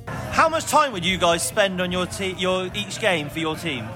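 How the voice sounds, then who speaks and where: A man's voice: sits high, sing-song, normal speed, pushed and bright, soft background music. A man reading out quiz questions and stumbling over the wording. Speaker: question reader.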